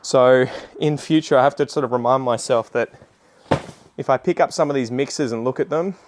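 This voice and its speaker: A man's voice: medium pitch, normal speed, noisy background. An Australian man chatting casually while demonstrating a task, in a rambling, self-deprecating, slangy way. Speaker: gardening video creator.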